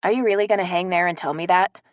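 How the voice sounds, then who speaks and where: A woman's voice: lowish voice, fast talker, dry recording, muffled recording, lightly acted. A woman voicing a protective, hot-tempered tree-climbing woman who barks orders like a drill sergeant. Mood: clenched anger. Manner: commanding, strained calm.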